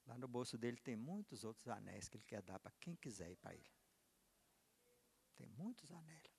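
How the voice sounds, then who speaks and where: A man's voice: mid-range voice, lively intonation, a little fast, gravelly, darkish tone, breathy edge, in a large hall. A man preaching a sermon, telling a personal story and acting out its dialogue with big swings in voice and volume. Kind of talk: sermon with acted testimony.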